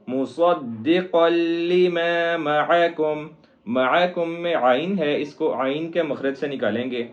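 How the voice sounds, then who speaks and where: A man's voice: mid-range voice, muffled recording. A man teaching Quran recitation in a recorded lesson, patiently explaining each step.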